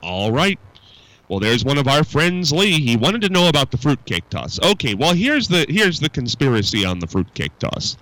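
Chatting casually with callers, a male radio host rambles in an upbeat, folksy way, full of fillers and restarts, from his studio. His voice is medium in pitch with big swings, normal in speed, and fairly bright. The audio has no room sound but is low quality.

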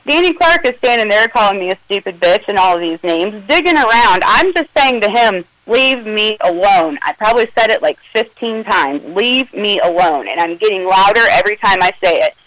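A woman's voice: mid-range voice, animated, fairly quick, few pauses, fairly bright tone, no room sound, rough recording. A woman telling an emotional, agitated first-person account of a confrontation, acting out the quoted dialogue. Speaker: caller recounting an incident.

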